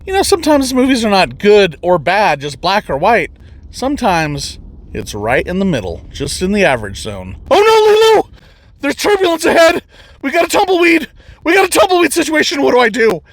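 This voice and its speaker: Lively high-voiced male movie reviewer. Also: dry recording, studio quality. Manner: animated, jokey, mock-panicked asides.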